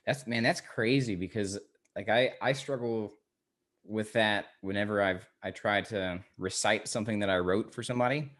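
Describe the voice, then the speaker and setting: A man's voice: on the low side, normal speed, a bit bright. A man hosting an interview, asking questions in an easygoing way and giving many short agreements. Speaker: host. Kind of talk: conversational interview.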